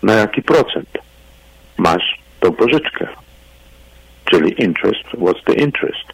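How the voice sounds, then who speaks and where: A man with a very deep, gravelly voice talks on a radio programme, chatty and anecdotal, often breaking into laughter. His tone is husky, and the studio sound is dry and close. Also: lively intonation, measured pace, dry recording, low-quality recording. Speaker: radio guest, English teacher. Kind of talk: radio chat. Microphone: studio microphone.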